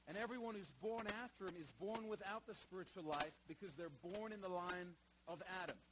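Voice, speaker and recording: A male pastor delivers a sermon in a voice that sits a little high for a man. He drops into soft, low reflection, then drives points home with loud, emphatic repetition. A steady hum runs clearly beneath the recording. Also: fairly quick.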